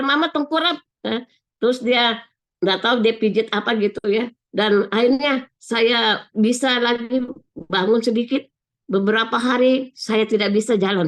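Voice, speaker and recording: An older woman giving a sermon with a personal testimony over a video call, earnestly and often turning to her listeners. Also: a little high. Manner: keeps addressing listeners as brothers and sisters, earnest. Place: online video meeting.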